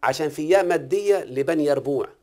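A man's voice: on the high side, fast talker, darkish tone. A man with an Egyptian accent teaching recitation and grammar one-on-one, often stopping to ask whether his student understands. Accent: Egyptian Arabic. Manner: questioning, repeatedly checks the student understands.

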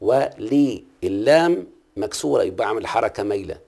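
Gravelly Egyptian man teaching a class. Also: lowish voice, animated, a little fast, darkish tone. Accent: Egyptian Arabic. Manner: patient, quizzes the class and repeats key terms. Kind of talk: classroom lesson on Arabic prosody.

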